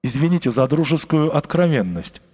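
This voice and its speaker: A man voicing a kindly, sentimental older postmaster who pleads softly in a half-whisper. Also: on the high side, expressive, moderate pace, slightly rough. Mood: pleading. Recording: long reverb, faint music.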